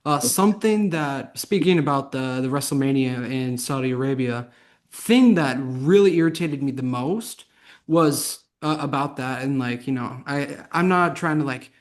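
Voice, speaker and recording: A man's voice: mid-range voice, normal speed. A man in casual podcast chat, speaking hesitantly with many fillers.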